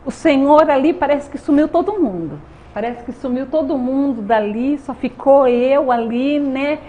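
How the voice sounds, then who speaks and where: A woman's voice: high-pitched, moderate pace, mellow. Earnest Brazilian woman giving testimony. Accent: Brazilian Portuguese. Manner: earnest, repeats "né?" often. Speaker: interview guest. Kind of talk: personal faith testimony. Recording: dull lo-fi sound with faint noise.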